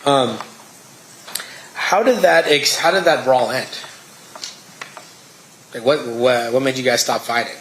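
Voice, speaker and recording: An American man examining a witness as a lawyer, putting questions in a halting, deliberate way. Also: mid-range voice, a bit bright. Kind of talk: courtroom examination. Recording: echoey room with background noise.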